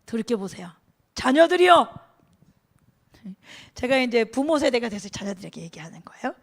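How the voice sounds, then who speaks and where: A middle-aged woman pastor preaching a sermon in a lively, conversational way, asking the congregation questions and laughing often. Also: a little high, moderate pace, gravelly.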